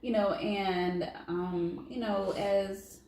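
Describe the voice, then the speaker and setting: A middle-aged woman in casual chat, explaining haltingly with many you-knows. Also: mid-range voice, fairly even intonation, a little mellow. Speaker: parent co-host. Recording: echoey room with faint noise.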